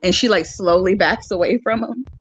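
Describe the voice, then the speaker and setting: A woman's voice: mid-range voice, normal speed, slightly rough. A woman co-hosting a podcast, chatting casually about a movie and retelling its scenes in detail. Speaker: podcast co-host. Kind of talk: casual movie recap chat. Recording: dry, dull lo-fi sound.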